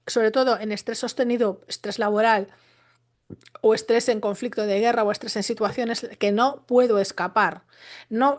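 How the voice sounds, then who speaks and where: A woman with a Spain Spanish accent gives an unscripted explanatory talk. She keeps asking rhetorical questions and checks in with tag questions. She often breaks off and restarts her phrases mid-thought. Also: a little high. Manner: restarts and self-corrections mid-sentence. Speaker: educator.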